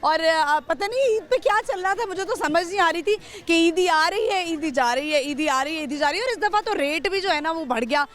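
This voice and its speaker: A woman's voice: very high voice, lively intonation, fairly quick, hardly any pauses, fairly bright tone. A woman with a Pakistani Urdu accent hosting a street quiz roadshow outdoors at a zoo, chatting and teasing passers-by on a handheld mic. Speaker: roadshow host. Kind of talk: street vox-pop interviewing.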